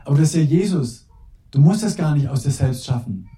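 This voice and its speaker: A man preaching an earnest, pastoral sermon, turning to a soft, quiet call to prayer. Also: fairly high pitch, expressive, a little fast. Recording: echoey room, mic at a distance.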